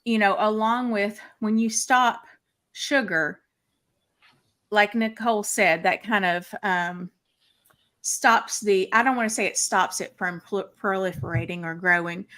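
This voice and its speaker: A woman on a casual group video chat, explaining in a rambling, halting way with many restarts. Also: mid-range voice, a bit bright. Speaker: panelist.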